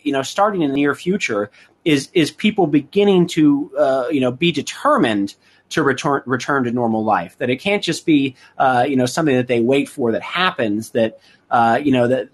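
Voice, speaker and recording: A man discussing current affairs as a guest on a talk show, hesitant, with many fillers and restarts. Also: medium pitch.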